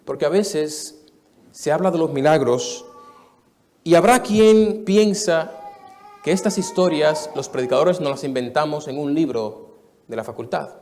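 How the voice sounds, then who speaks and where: A man in his thirties from the Dominican Republic tells his testimony from the pulpit to a live congregation, earnest in tone and moving between quiet and emphatic delivery. He speaks a little high and unhurried, with slight noise in the background.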